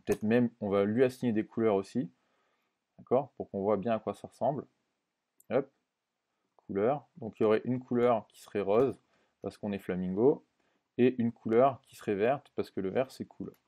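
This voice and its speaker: This casual screen-recorded software tutorial comes from a man with a fairly low voice speaking at a moderate pace. He thinks out loud, restarting often and using plenty of fillers, while regularly checking in with the viewer.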